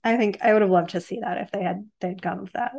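A woman's voice: medium pitch, fast, creaky. Chatty woman in casual film talk. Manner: chatty, animated, many fillers. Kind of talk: casual chat about a film.

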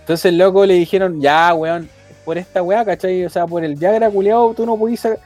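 Chilean dude rambling thru a crude story, slangy, fillers everywhere, faint music behind. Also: male voice, sits high, steady tone, fairly quick, darkish tone. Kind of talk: casual chat.

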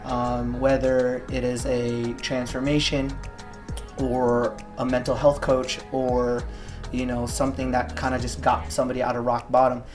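Flat-voiced man from Hawaii, music under. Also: mid-range voice, measured pace. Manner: flat, reflective, many ums and likes. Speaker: guest, gym owner. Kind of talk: casual interview talk.

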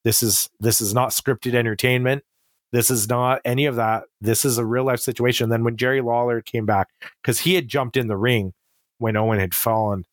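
In a mid-range voice with a steady tone and moderate pace, a middle-aged man spins loose, conversational stories packed with fillers and restarts. The studio-quality recording has no room sound.

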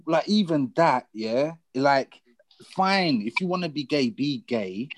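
A man's voice: fairly high pitch, lively intonation, slow, a little hiss or hum. A man with an urban London accent talking casually in a group, using slang-heavy roadman speech. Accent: London, urban street.

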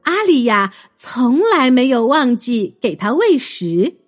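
A woman narrating a children's story in a gentle, expressive way. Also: high voice, takes it slowly, soft background music.

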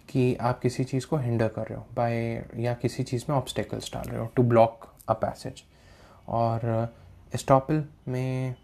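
A man with a North Indian accent teaches at a brisk clip in a mellow voice. He switches between Hindi and English as he dictates and explains points like a classroom lecturer. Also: mid-range voice, creaky. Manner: didactic, dictating numbered points. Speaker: law lecturer.

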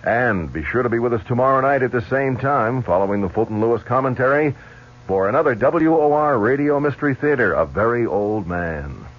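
A man's voice: medium pitch, lively intonation, fairly quick. An American man reading scripted station announcements as a radio continuity announcer. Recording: dull lo-fi 1970s radio broadcast.

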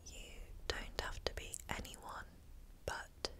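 This ASMR clip has a woman whispering uplifting affirmations right into the mic, breathy and calming, letting pauses fall between lines.

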